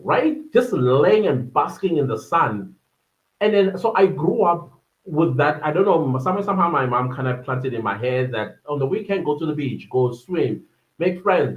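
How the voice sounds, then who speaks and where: A man's voice: mid-range voice, roomy sound, muffled recording. A man in his thirties from Durban with a South African accent, talking casually on his solo podcast, rambling and searching for words with many fillers. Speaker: podcast host.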